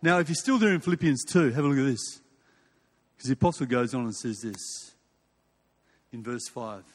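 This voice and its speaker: A medium-pitched older man with an Australian accent, from Western Australia, gives a sermon at a moderate pace. He preaches conversationally, as if telling a story, with repetition and rhetorical questions. His voice echoes around what seems to be a large hall or church.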